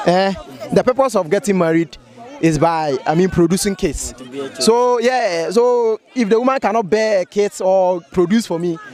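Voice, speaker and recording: High-voiced Ghanaian man explaining emphatically. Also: normal speed, darkish tone. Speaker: street interviewee. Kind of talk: casual opinion giving. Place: outdoors on a street. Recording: outdoor street with faint music.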